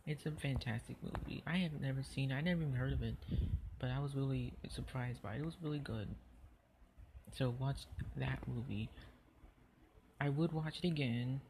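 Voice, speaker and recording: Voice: mid-range voice, moderate pace, darkish tone, slight background noise. A podcast host giving a casual solo review, rambling and hesitant, often restarting sentences and filling gaps with "like".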